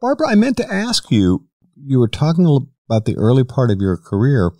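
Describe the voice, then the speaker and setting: A man's voice: medium pitch, wildly swooping pitch, fast talker, dark tone, no room sound, studio quality. A man hosting a podcast, asking questions and giving long, careful explanations in casual interview talk. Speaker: podcast host.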